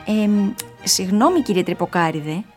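A woman's voice: medium pitch, animated, over music, natural voice. A woman voicing a proud, fussy male sugar-cookie baron who protests indignantly, in a storybook reading. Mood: hesitant.

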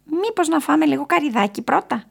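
A woman's voice: sits high, expressive, gravelly, voice pushed up, heavily acted. A woman voicing a cheerful male woodpecker who says "tok, tok" before each line, in a storybook reading. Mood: chirpy.

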